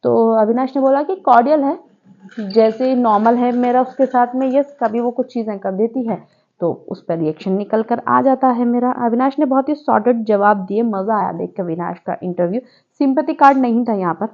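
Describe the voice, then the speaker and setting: A woman's voice: a little high, normal speed, lo-fi sound. A woman giving a chatty, opinionated spoken review of a reality show, mixing English words into her talk.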